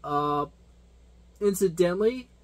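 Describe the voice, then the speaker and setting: Speaking slowly with lively intonation, this man has a somewhat high-pitched voice. He's a tabletop game reviewer and game master giving an unscripted product rundown, explaining step by step and wandering back to restate or repeat points in a hobbyist's rambling manner.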